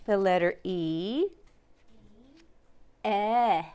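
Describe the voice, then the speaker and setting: A woman's voice: mid-range voice, very slow, dark tone, clean tone. A woman teaching a phonics lesson, patiently sounding out letters and words and encouraging her learners.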